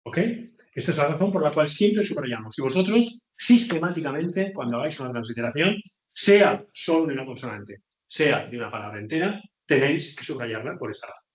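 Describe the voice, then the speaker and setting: A man's voice: a little high, lively intonation, brisk, roomy sound. A man teaching a beginners' class, explaining patiently and often checking in with the students. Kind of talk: classroom lecture.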